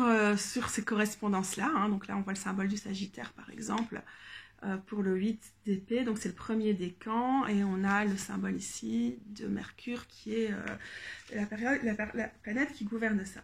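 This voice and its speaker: A woman, chatting casually in a vlog, thinking aloud with many fillers and restarts, low in energy. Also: vocal fry. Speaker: tarot vlogger.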